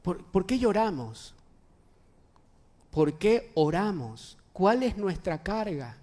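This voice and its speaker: A man's voice: high voice, big pitch swings, slow pace, a little mellow. A man, a pastor, preaching a sermon in a church, emphatic, with repeated phrases and rhetorical questions. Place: church sanctuary. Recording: long church-hall reverb.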